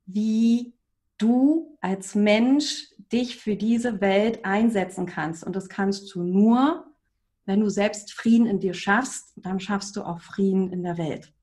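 A woman in her forties, a coach and trainer, telling her personal story in an emphatic, animated way as a podcast guest. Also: medium pitch. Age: 40s.

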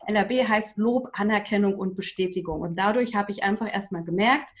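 A woman in her forties, working as a coach, tells her own story with lively emphasis. She talks as a guest in a podcast interview and leans into each point. Her pitch sits in an ordinary middle range. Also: a little fast. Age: 40s.

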